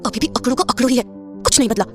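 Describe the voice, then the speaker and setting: A woman voicing a spirited, quick-tempered young woman heroine in a spoken audio story, in a high, lively voice. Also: faint music behind. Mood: indignant.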